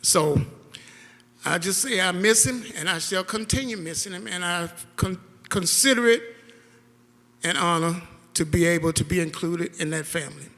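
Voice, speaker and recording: A man giving a halting, heartfelt eulogy as the dead man's caregiver, laughing through tears in a church. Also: high-pitched, bright, forceful tone. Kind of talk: heartfelt memorial speech. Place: church hall. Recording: long church hall reverb.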